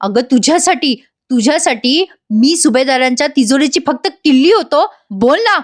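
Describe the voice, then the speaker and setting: A woman puts on a betrayed young man, pleading and demanding answers in a high voice. He is heartbroken and keeps pressing the woman he loved. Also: animated, normal speed.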